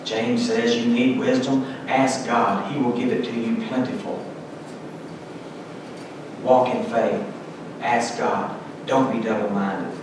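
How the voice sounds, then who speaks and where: In a church sanctuary, a middle-aged pastor at the pulpit earnestly reads scripture aloud with emphasis during his sermon. His voice is medium-pitched, and the recording is echoey, distant, and carries background noise.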